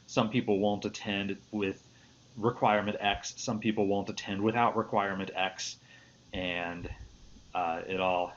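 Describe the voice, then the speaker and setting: Midwestern man, host of a live panel stream, lowish voice, easygoing and rambling, muffled lo-fi audio. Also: a bit bright. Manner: easygoing, rambling with frequent restarts. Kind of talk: casual livestream panel chat. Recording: lo-fi stream audio with faint hiss.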